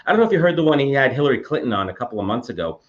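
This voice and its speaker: Very animated and medium-pitched, a podcast host with a slight cold rushes through a conversational interview, full of enthusiasm and repeated words. The recording has its highs cut off.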